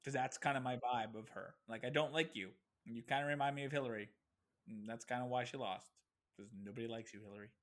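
A mid-range male voice at a quick pace belongs to a podcast co-host in casual chat. He talks animatedly, swears freely, and acts out characters' lines.

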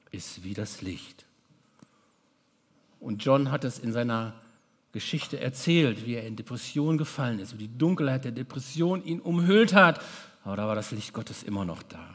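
A man preaching a sermon dramatically, often dropping suddenly to a hushed voice. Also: medium pitch, expressive, normal speed. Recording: long hall reverb.

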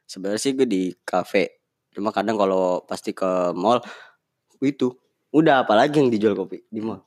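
A man's voice: on the low side, moderate pace, darkish tone, no echo, studio quality. A young man with chatting casually with a friend, often laughing and dropping in English words. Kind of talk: casual chat.

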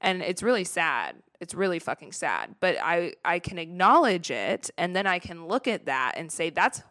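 A woman's voice: lowish voice, very animated, moderate pace, fairly bright tone, no echo, studio quality. A young woman, hosting a podcast and talking candidly about her fears, chatty, confessional and casual with swearing. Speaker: podcast host. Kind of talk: candid solo podcast talk.

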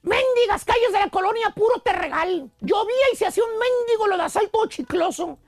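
Mexican radio host guy, high gravelly voice, joking storyteller, bit of music behind. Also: lively intonation, fairly quick, no echo. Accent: Mexican Spanish. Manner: storytelling, teasing, exclamatory. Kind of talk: comic radio banter.

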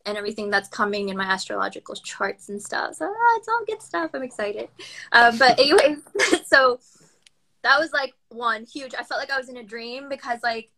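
Bright, high-voiced lively young woman. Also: brisk. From United States. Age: 20s. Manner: animated, laughs often. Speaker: podcast guest, doctor. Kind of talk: casual conversation. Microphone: phone on a live video call.

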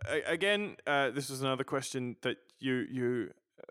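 A man's voice: medium pitch, expressive, normal speed, a bit bright, no echo, clean studio sound. A man hosting a casual podcast interview, often stammering and repeating words as he talks. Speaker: podcast host.

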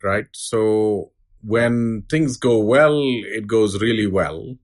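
Low-voiced man explaining as expert guest. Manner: measured, explanatory, uses analogies. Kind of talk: unscripted interview explanation. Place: studio.

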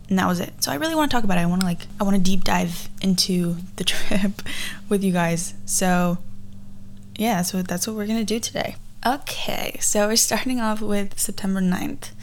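A woman's voice: medium pitch, slight background noise. Chatty young woman podcasting from a garage. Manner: chatty and rambling, frequently backtracking. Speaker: podcast host. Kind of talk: casual personal storytelling podcast. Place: recorded in a garage.

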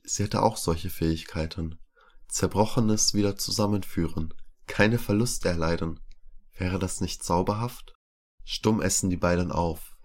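Deep-voiced guy reading a fantasy story, even storytelling tone. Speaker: narrator. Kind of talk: scripted fantasy narration.

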